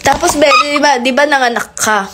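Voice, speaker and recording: A woman's voice: high-pitched, normal speed, heavy background noise. A woman from the Philippines hosting a live stream, telling a rambling, playful story in a casual chat that mixes in English phrases.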